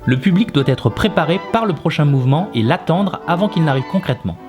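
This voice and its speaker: Over music, a man with a slightly high voice hosts an animation lesson, talking fairly quickly and animatedly. As an animation teacher and video host, he explains things casually and keeps adding little tag words.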